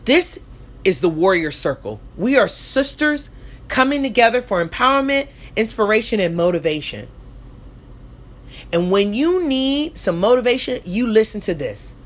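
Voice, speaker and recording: A woman's voice: mid-range voice, very animated, normal speed. A woman coach giving an emphatic, exhorting motivational speech with repeated refrains. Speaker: motivational coach and show host.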